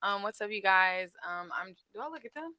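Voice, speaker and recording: A woman's voice: medium pitch, lively intonation, fairly quick, a crowd in the background. A woman in her twenties, a dating show contestant, introducing herself hesitantly with many fillers. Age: 20s.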